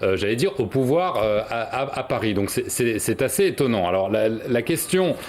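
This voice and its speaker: A man's voice: mid-range voice, sing-song, moderate pace, a little mellow, slight background noise. A man giving news analysis as a studio journalist, hesitating and repeating words as he explains.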